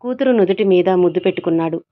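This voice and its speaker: A woman's voice: fairly low pitch, very fast, narrow, tinny audio. A woman storyteller narrating a serialized romantic audio story, reading steadily and with expression.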